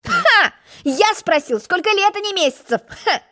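A woman voicing a pompous, boastful egg-shaped male character in a storybook reading, haughty and quick to take offense. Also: high voice, big pitch swings, voice pushed up. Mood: indignant.

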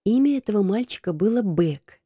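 A woman narrating a children's novel as an audiobook, in a steady, expressive reading. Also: mid-range voice, brisk, husky, no echo, studio quality. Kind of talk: scripted narration.

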